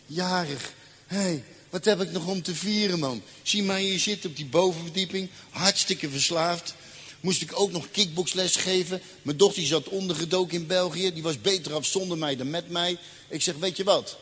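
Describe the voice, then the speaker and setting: A man telling a dramatic personal testimony, acting out the dialogue and slowing down for emphasis. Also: fairly high pitch, a bit bright, slight background noise. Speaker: speaker giving a personal testimony. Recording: faint ambience, long reverb.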